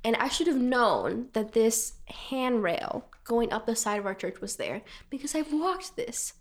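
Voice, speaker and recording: A young woman with a fairly high voice tells a story in a casual chat. She is animated and laughs often, with plenty of "like" along the way. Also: unhurried.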